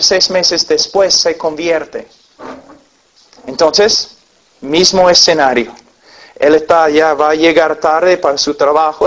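A man preaching a sermon to a congregation, telling stories earnestly and acting out the people in them, on a dull lo-fi recording. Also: on the high side. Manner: earnest storytelling with acted-out voices.

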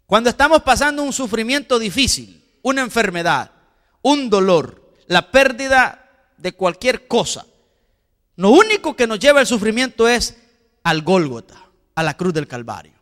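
A man's voice: extremely high pitch, sing-song, moderate pace, fairly bright tone. A man preaching a sermon as pastor, emphatic, asking the congregation rhetorical questions and repeating words. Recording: long hall reverb.

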